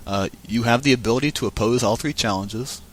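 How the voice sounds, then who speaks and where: A man's voice: medium pitch, brisk, a bit bright. A man giving casual, chatty commentary on a card game match, thinking aloud as he goes.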